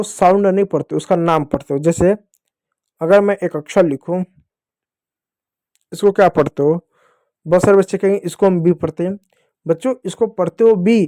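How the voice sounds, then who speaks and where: High-voiced man teaching phonics. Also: dark tone, dry recording, studio quality. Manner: patient, repeats questions and answers them himself. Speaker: English teacher. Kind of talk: classroom-style phonics lesson.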